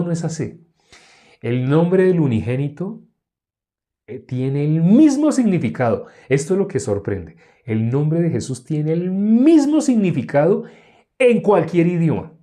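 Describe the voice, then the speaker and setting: A man delivers a sermon in a mellow, warm voice at a middle pitch. He teaches by firing rhetorical questions at the listeners. He often jumps up in pitch to stress a point. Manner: lively, emphatic swings in pitch. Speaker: preacher.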